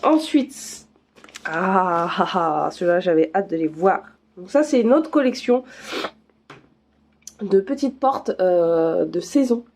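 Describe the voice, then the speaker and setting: A woman's voice: fairly low pitch, animated, takes it slowly, long pauses, a little mellow, slight background noise. A woman vlogger chatting casually through a craft unboxing, full of fillers and restarts.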